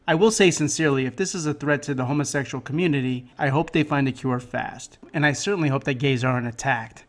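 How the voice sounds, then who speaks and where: A man hosting a political commentary show, delivering mocking jokes in a sarcastic, deadpan way. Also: medium pitch, fairly quick.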